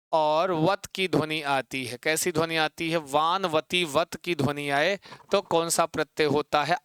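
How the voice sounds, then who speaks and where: Male tutor, exam-prep lesson, higher pitch, crisp close sound, repetitive quizzing and sing-song chanting. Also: a bit bright, dry recording. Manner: repeats points and quizzes students with rhetorical questions; chants word forms slowly and rhythmically. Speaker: teacher.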